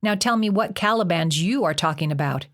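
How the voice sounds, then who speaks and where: A blunt, touchy teenage boy in an audiobook, defensive and matter-of-fact, as a woman narrator reads him. The voice sits low. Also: expressive, a little fast, natural voice. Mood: indignant.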